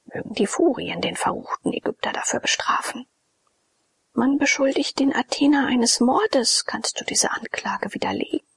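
A woman's voice: high-pitched, animated, moderate pace, creaky, a bit bright, husky, in a whisper, voice pushed up, heavily acted. A woman voicing a desperate trapped priest. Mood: vengeful. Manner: pleading, then vengeful. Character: desperate male priest imprisoned in a cellar.

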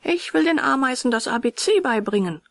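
A woman voicing a timid old male carpenter who stammers and mutters to himself in a breathy, half-whispered voice. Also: sits high, expressive, a little fast, no echo, studio quality, pitched above the performer's own voice, heavily acted. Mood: gruff banter.

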